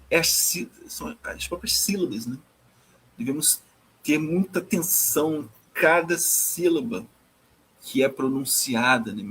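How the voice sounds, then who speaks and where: Husky man teaching scripture. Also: medium pitch, sharp tone, rough recording. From Brazil. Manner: tags nearly every phrase with a questioning "né?"; repeats and restarts words while searching for phrasing. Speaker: devotional teacher. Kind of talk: scripture reading and commentary.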